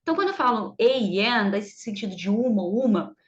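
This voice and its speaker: Chatty woman teacher, fairly high voice. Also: animated. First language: Portuguese. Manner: slow, exaggerated English examples within chatty explanation. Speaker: English teacher. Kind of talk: explaining English grammar to Portuguese speakers. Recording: slightly dull, lo-fi sound.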